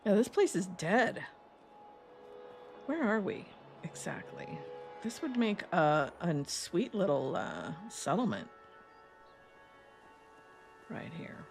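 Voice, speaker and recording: Woman, East Coast accent, lower voice, vocal fry, rambling streamer chat. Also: big pitch swings, takes it slowly, pauses often, a little mellow, faint music behind. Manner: rambling, chatty, laughs often, reads chat aloud. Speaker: gaming streamer. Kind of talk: casual let's-play chat.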